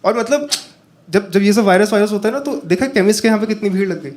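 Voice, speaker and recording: A man's voice: high-pitched, quick pace, slight background noise. A man from northern India doing a stand-up comedy set, telling stories and talking to the audience. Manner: animated storytelling, talks to the audience. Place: comedy stage with a live audience.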